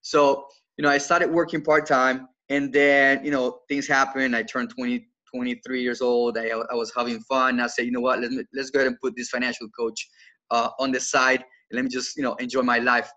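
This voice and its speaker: A financial coach from Colombia in his twenties is interviewed on a casual podcast, earnestly telling his story in English with a Colombian Spanish accent and often repeating words on restarts. His delivery is flat and brisk, with a medium-pitched, bright, forceful voice. The audio is dull.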